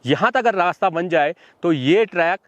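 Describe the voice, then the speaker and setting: A young man narrating his mountain trek outdoors on a high ridge, pointing things out to viewers. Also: animated, moderate pace, no room sound, highs cut off. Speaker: trekking vlogger.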